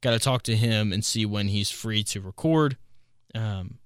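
A man's voice: fairly low pitch, measured pace, clear, resonant tone, dry recording, studio quality. A man in his twenties hosting a casual solo podcast, amused and often laughing at his own stories. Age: 20s. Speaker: podcast host.

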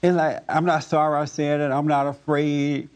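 This man's voice is on the high side, level and a little mellow, delivered at a moderate pace. He leads a group as host of an informal preaching talk that includes audience questions. He speaks in a homespun, plainspoken style with loose grammar.

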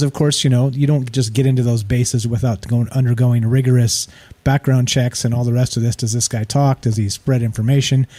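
A man with a medium-pitched, relaxed and mellow voice hosts a talk show. He speaks informally and opinionatedly, circling back over phrases for emphasis and tossing in rhetorical questions. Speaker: talk show host taking calls and chat.

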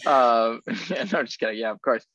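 A young man co-hosting a casual podcast, talking haltingly with many fillers and restarts and laughing often. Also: mid-range voice, a bit bright, dry recording. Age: young adult. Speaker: podcast co-host.

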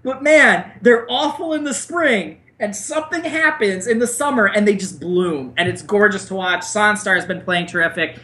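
A man co-hosting a casual podcast with a bright, sharp-edged tone. He breaks down his picks with enthusiasm and blunt opinions. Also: sits high, slight background noise. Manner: enthusiastic, blunt, swears when worked up. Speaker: podcast co-host.

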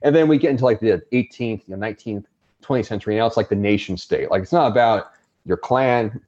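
A man's voice: on the low side, quick pace, a little mellow. Profane ranting man, dull lo-fi sound. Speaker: podcast guest. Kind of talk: casual podcast conversation.

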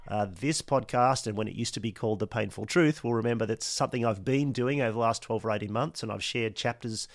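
A man's voice: mid-range voice, quick pace, no echo, clean studio sound. A man hosting a podcast, chatting in an easygoing way over a remote call, his voice slightly muffled from a cold. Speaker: podcast host. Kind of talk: casual conversation.

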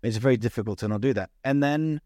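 Talking fast in a medium-pitched, darkish voice, a UK man appears as a guest in a podcast interview, speaking with earnest fluency while frequently restarting his words. The studio-quality recording has no echo.

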